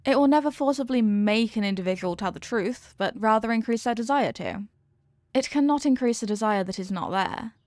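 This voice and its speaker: This scripted roleplay has a woman voicing an earnest young female scientist, speaking straight to the listener as the test subject she's fond of. Slightly high and a little mellow, her voice is expressive and brisk, lightly acted, with earnest, explanatory, formally precise phrasing like a clinician's. There's no echo; the sound is very dry and roomless.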